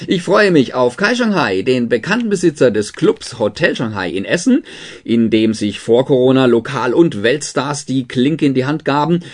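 A male radio host reads a playful introduction and then interviews a guest. His voice rises and falls a great deal, giving the talk an animated bounce. He sounds upbeat and at ease. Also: medium pitch, normal speed.

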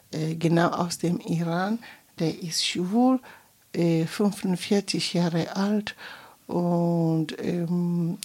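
A woman's voice: on the low side, darkish tone. A woman co-hosting a radio show, speaking hesitantly with many fillers. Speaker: radio co-host. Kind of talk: radio presenting.

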